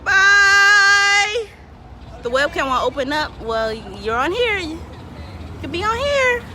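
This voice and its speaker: A woman's voice: high voice, very animated, normal speed, very noisy. A woman in her thirties hosting a casual live stream from outdoors, chatty and greeting viewers by name, laughing often. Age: 30s. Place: outdoors watching a ship depart.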